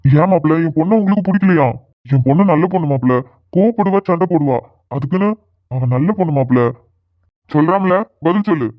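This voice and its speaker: A man voicing a fond, gentle father-in-law who speaks softly for his daughter in a cartoon, with a thin, phone-like sound. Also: a little high, fast talker, dry recording, natural voice. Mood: coaxing. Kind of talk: cartoon voice acting. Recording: dry, phone-like narrow sound.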